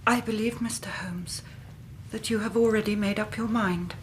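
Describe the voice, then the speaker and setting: An actress playing an anxious young Victorian gentlewoman with an English accent and a polite, hesitant, formal manner in a radio drama. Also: medium pitch, fairly even intonation, moderate pace, a little hiss or hum, close to an everyday voice, rough recording. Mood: anxious, trusting.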